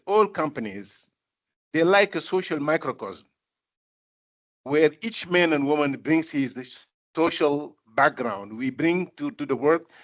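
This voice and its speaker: An older man from Senegal giving a speech at a corporate event, talking in a measured way, with many fillers and repeated phrases for emphasis. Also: fairly high pitch, a bit bright. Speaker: guest speaker. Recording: dull lo-fi sound.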